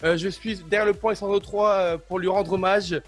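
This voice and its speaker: A young man with a high voice hosts a radio show at a rapid clip. He teases his guests as he brings them in one by one. Faint music plays under him. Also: fairly even intonation. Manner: teasing, joking, quick introductions. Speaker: host.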